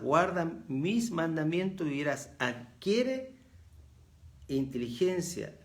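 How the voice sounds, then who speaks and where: A middle-aged man with a Chilean accent, preaching a reflective sermon and rising in emphasis as he reads verses aloud. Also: fairly high pitch. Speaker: pastor.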